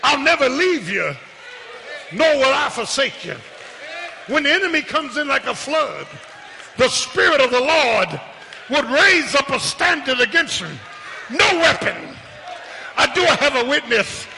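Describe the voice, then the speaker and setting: Man, pastor, call-and-response sermon, bright and sharp, lively pitch. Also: unhurried, vocal fry, long pauses, a little hiss or hum. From South Philadelphia. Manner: call-and-response preaching, repeats words, rising to shouts. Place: church sanctuary. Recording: long hall reverb.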